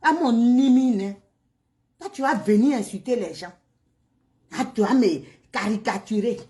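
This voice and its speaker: Woman ranting at the camera, high voice, mocking and insulting, goes loud then hushed. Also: a little slow. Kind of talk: heated direct-to-camera rant.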